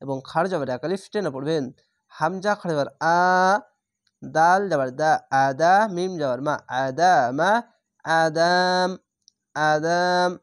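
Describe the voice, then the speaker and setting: Man, recitation teacher: spells out letters and vowels one by one, then chants the word long and drawn out. Very slow, close dry sound. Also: fairly high pitch, dry recording. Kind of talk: slow spelled-out tajweed lesson.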